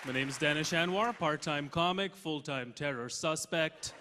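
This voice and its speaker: A young man from Russia doing a stand-up comedy set on stage, deadpan punchlines with sudden loud jumps. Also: fairly high pitch, moderate pace, a crowd in the background. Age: young adult. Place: large theatre stage with audience. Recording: hall reverb, faint noise.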